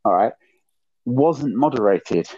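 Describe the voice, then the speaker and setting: A man's voice: medium pitch, animated, slow, dark tone, slightly rough, no room sound. A man co-hosting a podcast, ranting in a rambling, exasperated way with some swearing. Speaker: podcast co-host. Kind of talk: casual podcast chat, ranting. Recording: dull lo-fi dry recording.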